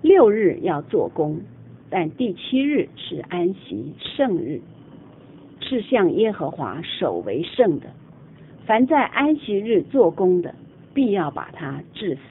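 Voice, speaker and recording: A woman reading a Bible chapter aloud in a measured, solemn way. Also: big pitch swings, breathy edge. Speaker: scripture reader. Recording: tinny phone-like audio with faint rumble.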